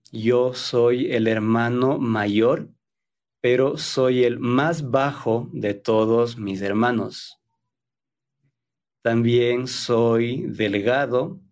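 A man in his thirties from Ecuador, a Spanish teacher speaking slowly and carefully as a guest in a conversation for learners, soft-spoken with small fillers. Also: medium pitch. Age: 30s.

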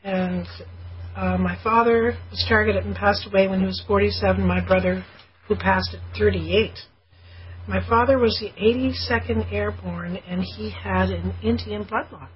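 A woman's voice: medium pitch, steady tone, moderate pace, dull audio, a little hiss or hum. A woman in her forties co-hosting a show, reading listener letters aloud in a chatty way with many fillers. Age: 40s. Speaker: co-host reading listener questions. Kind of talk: casual on-air chat.

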